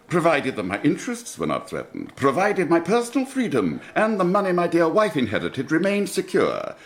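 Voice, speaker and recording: Count Fosco, extravagantly swooping suave villain. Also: male voice, fairly high pitch. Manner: florid, courteous, theatrical. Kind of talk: audio drama acting.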